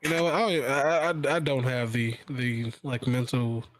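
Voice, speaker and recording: A man playing his character in a tabletop game, speaking in a halting way with frequent restarts. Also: medium pitch, flat delivery, slight background noise. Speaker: player.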